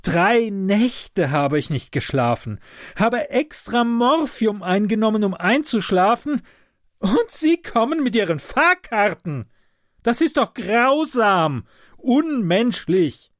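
A man's voice: high voice, sing-song, slow, a bit bright, no echo, clean studio sound, pitched above the performer's own voice, full character voice. A man voicing a frail, sickly older male train passenger who complains in a tearful, whining way.

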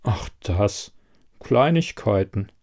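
A man's voice: fairly low pitch, sing-song, extremely slow, vocal fry, darkish tone, heavily acted. A man reading an audiobook and voicing a smug, mocking man who drawls his words. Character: smug, teasing man who sells time.

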